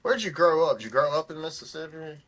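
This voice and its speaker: A man's voice: fairly high pitch, expressive, fast talker, a bit bright. A man hosting a podcast, asking casual, encouraging questions in a conversational interview. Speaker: podcast host.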